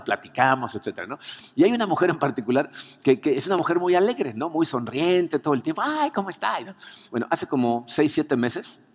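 Man preaching in a reverberant hall. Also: a little high. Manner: animated storytelling with rhetorical questions. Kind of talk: sermon.

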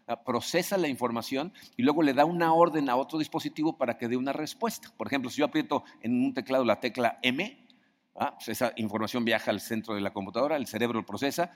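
A man's voice: mid-range voice, fast. A man preaching a sermon in a conversational way, often asking his audience questions. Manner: conversational, asks the audience questions, acts out quoted voices. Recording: long hall reverb.

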